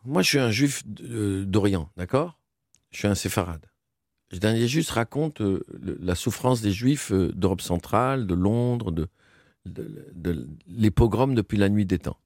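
A man's voice: lowish voice, expressive, unhurried, a little mellow, no echo, studio quality. A man being interviewed as a guest, recalling a personal memory in an earnest, moved way, often stumbling and repeating words as he restarts his sentences.

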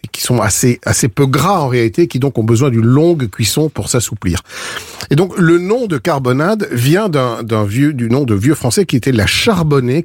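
A man from Belgium, a food columnist on a radio show, explaining a dish in a relaxed, explanatory way. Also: medium pitch, husky, no room sound, studio quality. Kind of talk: radio chat.

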